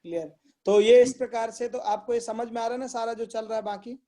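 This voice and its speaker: A man's voice: very high voice, fairly even intonation, brisk, mellow. A man teaching Sanskrit pronunciation in an online class, patiently repeating sounds and checking that his students follow.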